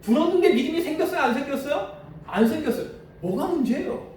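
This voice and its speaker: A man's voice: extremely high pitch, lively intonation, fast talker, a little mellow, slight background noise. A male pastor preaching a conversational sermon, asking the congregation questions and telling stories from home. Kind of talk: sermon with storytelling. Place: church sanctuary. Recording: echoey church hall, distant mic.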